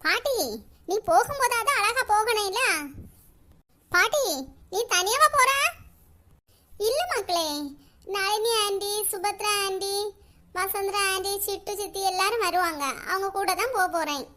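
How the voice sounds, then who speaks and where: A woman's voice: very high voice, a little slow, long pauses, bright, forceful tone, exaggerated voice. A woman voicing a fussy, kindly family woman in a cartoon, scolding and organizing. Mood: fussing.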